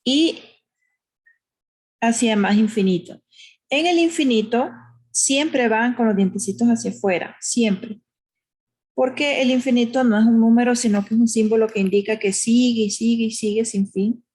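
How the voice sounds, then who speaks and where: Female math teacher, husky voice, patient, explanatory classroom delivery. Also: fairly high pitch, normal speed, a little mellow. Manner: patient, explanatory, uses diminutives, asks "¿verdad?". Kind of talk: recorded math lesson.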